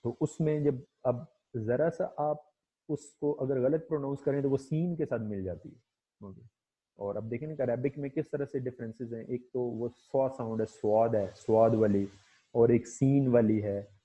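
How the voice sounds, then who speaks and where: A man giving a phonetics lecture, hesitant, filling pauses with "okay" and slowly demonstrating sounds. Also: medium pitch, warm tone, breathy edge. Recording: muffled lo-fi recording.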